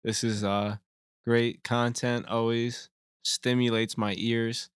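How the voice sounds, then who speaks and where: A man's voice: medium pitch, little pitch movement, takes it slowly, smooth, no echo, clean studio sound. A man talking casually as a podcast guest, laid-back and full of fillers. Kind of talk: casual chat.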